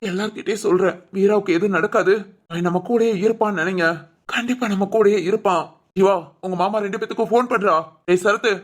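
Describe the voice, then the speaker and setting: A rousing, commanding voice plays the family's elder uncle, as one performer puts him on in a cartoon drama. He scolds and rallies the relatives in a mid-pitched voice. The tone stays firm and authoritative throughout. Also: natural voice. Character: older uncle, forceful head of the family. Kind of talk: animated family drama voice-over.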